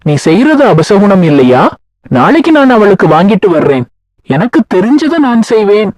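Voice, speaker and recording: A woman voicing a forceful young village man, the son, who speaks loudly and presses his mother. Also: medium pitch, sing-song, a little slow, husky. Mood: angry.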